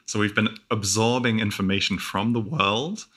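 A man co-hosting a podcast, chatting casually with dry, deadpan, repetitive jokes. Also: on the low side, moderate pace, husky. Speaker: podcast co-host. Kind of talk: casual comedic chat.

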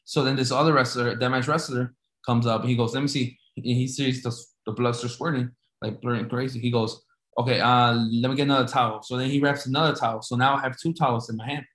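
A man's voice: mid-range voice, steady tone, fast talker, fairly bright tone. A man telling a story casually, rambling with lots of restarts. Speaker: storyteller recounting an injury. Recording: echoey room.

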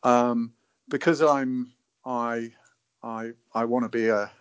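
Inside a wooden cabin, a natural navigation advocate appearing as a guest reasons his way through a point slowly, hesitating and repeating words. His mid-range voice is smooth and steady, though the lo-fi recording sounds dull and muffled.

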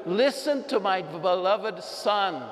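A man's voice: high-pitched, expressive, slow pace, big-room sound, voice pushed up. A man voicing a fed-up divine voice from heaven that scolds and commands. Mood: scolding.

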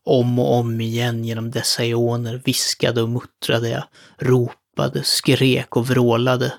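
Gravelly, flat-voiced male horror narrator. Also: mid-range voice. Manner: solemn, measured. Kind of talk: first-person horror story narration.

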